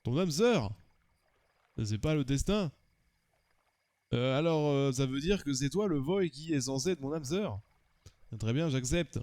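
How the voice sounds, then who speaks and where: A proud, suspicious young woman from a video game, blunt and demanding, with a gruff put-on accent as a man lowers his voice to play her. The accent wobbles and slips in and out. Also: lively intonation, fast, few pauses, mellow, no echo, natural voice. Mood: stern. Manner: lower voice with a clumsy mock foreign accent.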